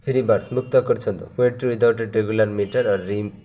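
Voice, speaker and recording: A Bangladeshi-accented man gives a lesson, reading out terms and explaining each in turn. He talks very slowly in a darkish, mellow, fairly low voice. He moves between English and Bengali and pauses on long fillers. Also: steady tone, dull audio. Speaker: teacher.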